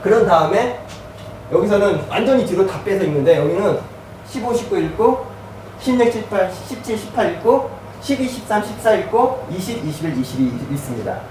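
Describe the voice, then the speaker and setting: A man's voice: high-pitched, very animated, brisk, a little mellow, echoey room, far from the mic, a little hiss or hum, poor audio. A man preaching as a pastor, giving a teaching sermon. He goes through a chart step by step.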